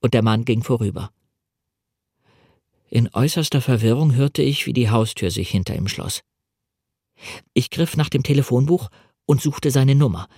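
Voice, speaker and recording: A man narrating an adventure novel in a measured, dramatic reading. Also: medium pitch, a little mellow, no echo, clean studio sound. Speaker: reader. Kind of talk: audiobook narration.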